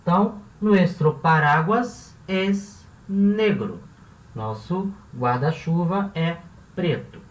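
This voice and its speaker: A woman's voice: fairly low pitch, lively intonation, slow pace. A woman who teaches a language lesson. She explains each step patiently and often checks in with the class. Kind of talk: classroom-style video lesson. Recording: roomy echo, voice from a distance off the mic.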